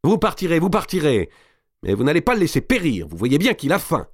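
Man reading a commanding noblewoman, high, loud and insistent, storybook scene. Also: lively intonation, fast, no room sound, clean studio sound, natural voice. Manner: insistent, urgent, persuading. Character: noblewoman, older, firm and commanding protector.

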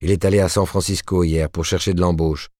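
A man's voice: low-pitched, level tone, brisk, a little mellow, dry recording, studio quality, natural voice. A man voicing a worn-out working-class wife who speaks wearily and plaintively. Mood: weary, plaintive. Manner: weary, plaintive.

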